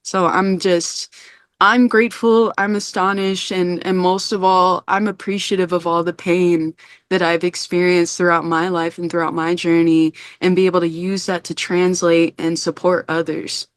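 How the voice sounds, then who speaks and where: A woman filmmaker being interviewed, talking in an earnest, expressive way about her work. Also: fairly low pitch, moderate pace, no room sound. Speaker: filmmaker guest. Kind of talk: interview conversation.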